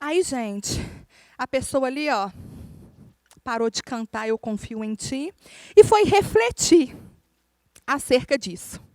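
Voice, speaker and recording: A woman minister, preaching a sermon through a lively personal story and often calling out to the congregation. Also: on the high side, unhurried, no echo. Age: adult, married.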